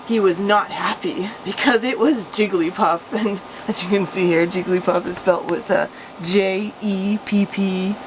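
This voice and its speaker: A mid-range female voice, a little slow, reads aloud a childhood tale of her own with a noisy background. The woman, a vlogger and storyteller, laughs at herself with casual, amused comments and turns animated when reading.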